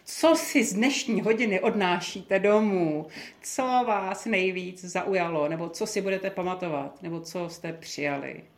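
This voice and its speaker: A woman guides a small group through a Bible passage in a relaxed, conversational way. She thinks aloud, restarts her sentences and fills her pauses. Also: on the low side. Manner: thoughtful, chatty, with many fillers and restarts. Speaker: Bible study leader. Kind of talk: leading a group Bible study.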